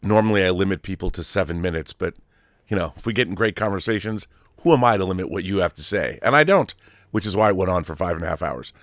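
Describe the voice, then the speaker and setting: A middle-aged man who hosts a film discussion channel talks to viewers in a casual, unscripted monologue, rambling and emphatic as he tells stories, often correcting himself. His voice sits low and moves fast, recorded at studio quality with no room sound.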